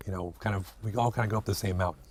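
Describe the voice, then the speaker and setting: A man's voice: low voice, fairly even intonation, racing, darkish tone, a little hiss or hum. A man in his late forties, an acupuncturist guest speaking reflectively in an interview, hesitant with many fillers and restarts. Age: 40s.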